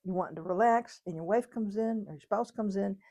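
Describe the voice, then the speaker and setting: A woman's voice: medium pitch, a little fast, warm tone. A woman physician giving an informal, conversational educational talk on trauma. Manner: conversational, acts out quotes, occasional laughs.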